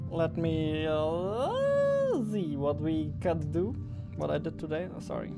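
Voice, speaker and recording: A man's voice: fairly high pitch, sing-song, slow, creaky, loud music behind the voice. A young man with a German accent, chatting casually in a game development vlog. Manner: chatty, self-deprecating, laughs often.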